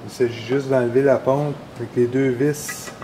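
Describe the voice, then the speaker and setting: In a hands-on repair tutorial shot in an indoor workshop garage, a man in his forties with a Québécois French accent works as a snowmobile mechanic and walks through the job step by step. His delivery is casual and rambling, full of fillers, with a warm tone, medium pitch, fairly even intonation, and moderate pace. Slight background noise comes through on the low-quality recording.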